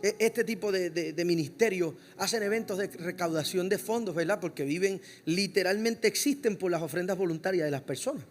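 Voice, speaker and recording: A man's voice: sits high, a little fast, few pauses, faint music behind. A man, a pastor with a Puerto Rican accent, telling a story in a sermon and acting out the dialogue with humor. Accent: Puerto Rican Spanish. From Puerto Rico. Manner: animated, acts out dialogue, laughs at himself.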